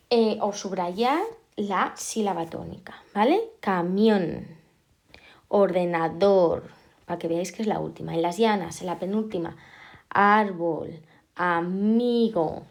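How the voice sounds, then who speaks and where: A woman teacher, patiently explaining a lesson and repeating key words slowly. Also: medium pitch, creaky, a little mellow. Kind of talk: classroom explanation.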